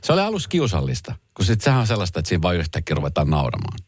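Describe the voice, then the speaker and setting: A man co-hosting a radio show in casual chat, talking loudly and emphatically. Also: deep voice, huge pitch swings, breathy edge, no echo, clean studio sound. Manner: loud voice, emphatic. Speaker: radio host. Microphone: studio mic.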